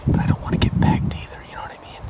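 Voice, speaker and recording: A man whispering tensely while stalking deer on an open hillside outdoors, recorded on a camera mic. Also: racing. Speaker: hunter.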